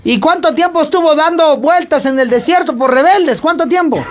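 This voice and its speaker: A man's voice: extremely high pitch, normal speed. A male pastor preaching a sermon and firing questions at his congregation to get answers back.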